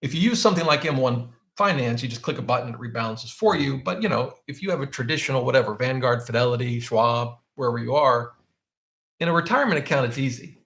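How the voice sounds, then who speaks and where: A man's voice: mid-range voice, expressive, fast, a bit bright, echoey room. A man hosting a live question-and-answer stream, explaining his choices in a casual way and often restarting his sentences as he thinks aloud. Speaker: finance channel host answering viewer questions.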